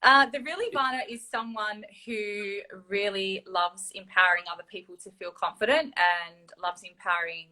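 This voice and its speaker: A woman's voice: medium pitch, normal speed, hardly any pauses, pushed and bright. A woman, a stylist, answering interview questions in a thoughtful, earnest way with frequent ums. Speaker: guest, stylist.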